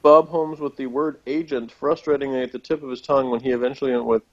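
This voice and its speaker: A medium-pitched man hosts a relaxed review chat, reading from his notes and throwing in his own chuckling remarks. He talks fast, and the recording is slightly dull and lo-fi.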